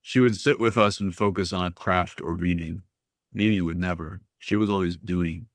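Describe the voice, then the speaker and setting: A man reading a first-person story aloud in a steady, even manner. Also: low-pitched, moderate pace, dry recording, clean studio sound. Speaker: audiobook reader. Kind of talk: scripted first-person narration.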